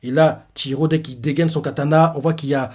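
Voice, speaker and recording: Guy rambling through a manga chapter recap, lots of fillers, kinda high voice. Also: steady tone, quick pace, a little mellow. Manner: rambling, heavy fillers, restarts sentences often. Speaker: manga reaction host. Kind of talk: casual retelling of a manga chapter.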